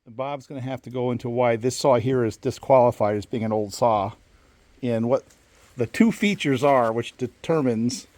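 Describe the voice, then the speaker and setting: A man's voice: mid-range voice, normal speed, a little mellow. A man chatting and bantering casually and unscripted as a hobbyist co-host. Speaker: fellow chainsaw hobbyist and co-host.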